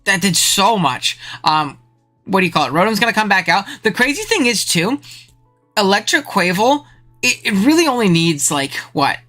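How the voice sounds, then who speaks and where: A streamer giving casual live commentary on a game match, slangy and excitable, with the voice jumping high when thrilled. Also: moderate pace, soft background music.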